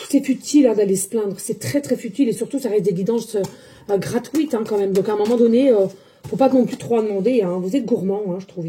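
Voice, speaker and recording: A woman's voice: medium pitch, mellow, slight background noise. A woman, a psychic medium, talking casually to her viewers in a defensive, repetitive way, full of fillers. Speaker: psychic medium giving tarot readings. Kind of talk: casual spoken monologue to viewers.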